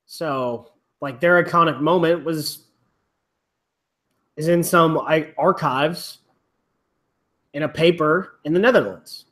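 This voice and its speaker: A man's voice: on the high side, takes it slowly, pauses often, a bit bright. A man hosting a casual chat, rambling with restarts and the odd swear. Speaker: rugby podcast host.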